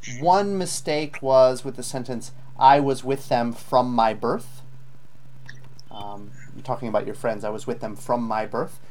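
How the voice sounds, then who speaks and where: A man's voice: mid-range voice, measured pace, darkish tone. A man teaching a live online IELTS lesson, patiently giving spoken feedback with frequent ums.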